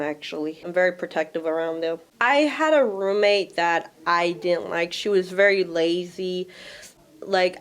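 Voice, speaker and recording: A woman's voice: on the low side, clear, resonant tone. A woman in her twenties, from Russia, telling her own life story candidly in a chatty way, with many "like" fillers. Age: 20s. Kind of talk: personal spoken storytelling.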